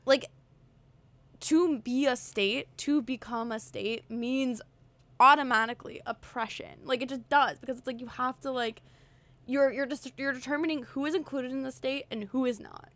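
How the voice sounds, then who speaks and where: A woman co-hosting a casual podcast, her voice pitched fairly high. She talks in long, rambling stretches and reaches for words as she thinks aloud. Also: normal speed, fairly bright tone, no room sound. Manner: rambling, filler-heavy, searching for words. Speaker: podcast co-host. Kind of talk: casual conversation.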